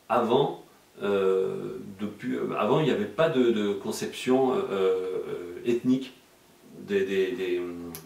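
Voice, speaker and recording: Man, journalist guest, hesitant with many fillers, deep voice, far from the mic. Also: creaky, a little mellow. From Marseille, France. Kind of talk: casual explanatory interview talk. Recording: echoey room, mic far off.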